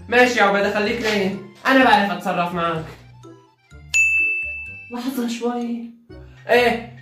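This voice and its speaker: A woman acting out a shouty family comedy skit, scolding loudly and switching between roles. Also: a little high. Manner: scolding, loud and quick. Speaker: comedy sketch performer. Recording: echoey room with faint music.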